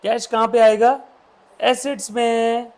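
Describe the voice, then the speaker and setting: A man's voice: extremely high pitch, level tone, takes it slowly, creaky, a little mellow. A man, teaching accountancy to a classroom and drilling students with questions. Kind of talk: classroom lecture.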